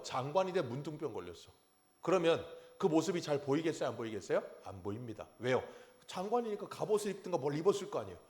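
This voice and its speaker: A man preaching a Sunday sermon as pastor, telling Bible stories with acted quotes and questions to the congregation. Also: fairly high pitch. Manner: animated storytelling, acting out biblical quotes and asking the congregation questions. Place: church sanctuary.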